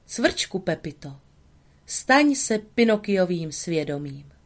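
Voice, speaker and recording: A woman voicing a gentle, graceful fairy in a storybook reading, speaking softly and solemnly. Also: on the low side, big pitch swings. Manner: soft and solemn.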